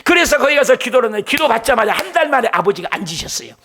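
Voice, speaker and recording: Brief: middle-aged pastor, very high voice with gravel, impassioned preaching that rises to shouts. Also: male voice, big pitch swings, rapid-fire. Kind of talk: sermon.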